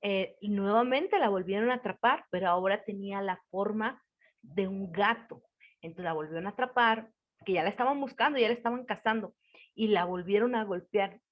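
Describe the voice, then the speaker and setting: A woman casual storyteller, chatty and unhurried, dull lo-fi sound. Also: mid-range voice. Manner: conversational, many fillers, voices quoted characters. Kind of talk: casual spoken folk tale. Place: lives in Tlaxcala. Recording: dull lo-fi recording.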